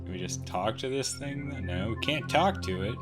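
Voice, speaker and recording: A man's voice: medium pitch, animated, moderate pace. A man hosting a video game playthrough with casual, conversational commentary. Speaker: gaming host. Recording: game music behind the voice.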